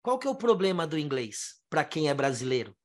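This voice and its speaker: Animated teacher drawing out syllables. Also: female voice, low-pitched. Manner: explains step by step, sounding out syllables slowly; asks the listener rhetorical questions. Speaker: English teacher. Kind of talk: classroom lesson explaining pronunciation.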